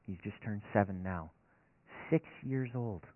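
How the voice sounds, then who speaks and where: A man's voice: on the low side, a little slow, dry recording. A man, a racetrack chaplain telling an earnest, folksy, self-deprecating story as a sermon. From northern Alberta. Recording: dry, tinny phone-like sound.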